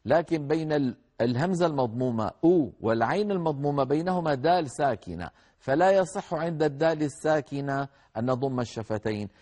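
Arabic teacher explaining and chanting recitation rules. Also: male voice, a little high, expressive, dark tone. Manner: explains patiently, then chants verses slowly and drawn out; addresses students directly, correcting common mistakes. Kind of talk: tajweed lesson with recited examples.

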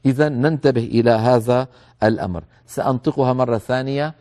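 A man giving a tajweed lesson, calmly explaining the rules and slowly repeating words to demonstrate them. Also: mid-range voice. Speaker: Quran recitation teacher.

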